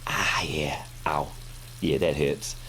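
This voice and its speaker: A man voicing a meek, cheerfully resigned lab rabbit, halting and apologetic in an animated mockumentary interview. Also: extremely low pitch, a little hiss or hum, heavily acted. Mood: pained. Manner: halting, apologetic, stoically upbeat.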